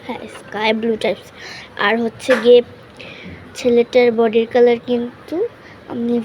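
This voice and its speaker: A young woman hosting a drawing channel, chatting casually about her painting at home and often correcting herself, sometimes speaking softly. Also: fairly high pitch, flat delivery, moderate pace. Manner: chatty, self-correcting, drops to hushed voice. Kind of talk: casual drawing tutorial narration. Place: home room. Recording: faint background noise.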